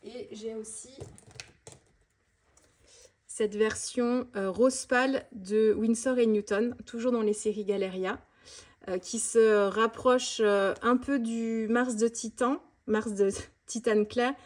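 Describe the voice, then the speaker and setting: A woman vlogger chatting fast and casually about her art supplies, with many fillers and restarts. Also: a little high, steady tone. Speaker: mixed-media art vlogger. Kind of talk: casual tutorial chat showing art supplies.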